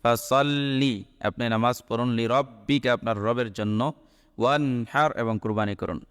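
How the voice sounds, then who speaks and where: A man teaching how to recite a short Quran chapter, spelling out each letter and vowel mark before chanting the verse in long, drawn-out tones. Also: medium pitch, fairly even intonation, clean tone. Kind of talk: slow recitation lesson. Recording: long echoing reverb.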